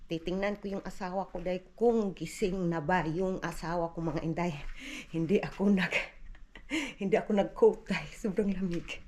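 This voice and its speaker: A woman's voice: warm tone, a little hiss or hum. A woman chatting casually to her viewers in a home vlog, calling them "day" and "Inday" and now and then cheering at her toddler. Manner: chatty, frequent "day" and "mga Inday" asides; coos and cheers at her toddler in high bursts. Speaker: vlogger. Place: snowbound house, indoors and at the door.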